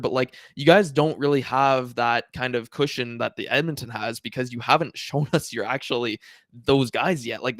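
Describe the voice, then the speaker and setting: A man co-hosting a sports podcast, rattling off his points at high speed in loose, conversational talk full of fillers. His voice sits in a middle register. The sound is dry and close on the mic. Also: no room sound. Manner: quick and conversational, many fillers. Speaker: podcast co-host.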